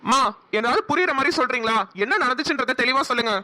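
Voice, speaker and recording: Voice actor as a quick, high-voiced cartoon young man. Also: bright, forceful tone. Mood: worried. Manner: fast, defensive. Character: young man, protective elder brother. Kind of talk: cartoon voice acting.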